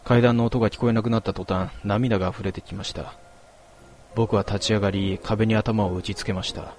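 Man reading a sad first-person story, calm and measured, lowish voice. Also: slight background noise. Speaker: narrator.

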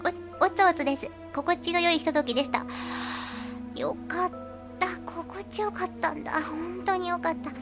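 High cute-voiced woman radio host. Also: steady tone, normal speed. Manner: chatty, giggly, rambling with fillers. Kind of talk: casual chat reading listener comments. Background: faint background music.

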